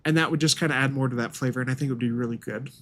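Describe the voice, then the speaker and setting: A man's voice: medium pitch, fairly even intonation, rapid-fire. A man thinks aloud in casual commentary as he plays a strategy game. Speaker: gaming video host.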